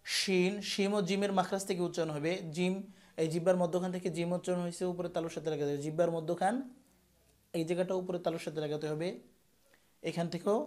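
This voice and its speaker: A man teaching how to pronounce Arabic letters, repeating each sound slowly and firmly for learners to copy. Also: high-pitched, a little mellow. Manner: slow, demonstrative, repeats each sound emphatically. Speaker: Quran teacher. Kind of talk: pronunciation lesson.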